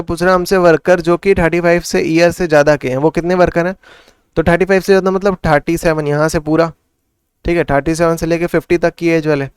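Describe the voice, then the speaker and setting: A man's voice: a little high, smooth, dry recording, studio quality. A man tutoring maths in casual Hindi mixed with English, working sums aloud and asking and answering his own questions. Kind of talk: casual classroom explanation.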